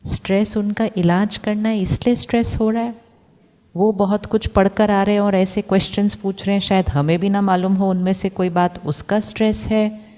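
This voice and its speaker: A woman giving a calm, reflective spiritual talk to an audience of doctors, asking them questions and mixing in English phrases. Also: mid-range voice, moderate pace, in a large hall. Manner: mixes Hindi with English phrases. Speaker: spiritual teacher.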